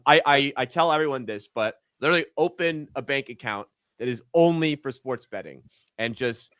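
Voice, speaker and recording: A man's voice: mid-range voice, a bit bright, smooth, no echo, studio quality. A man in his twenties hosting a sports betting podcast, easygoing and filler-heavy as he chats and reads listener questions. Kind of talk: casual podcast chat.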